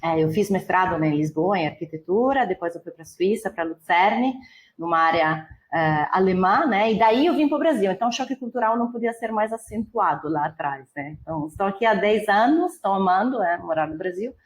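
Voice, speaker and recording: A woman's voice: mid-range voice, animated, brisk, rough recording. An Italian woman from northern Italy, speaking with an Italian accent as a guest in a casual panel chat, chatty and full of fillers.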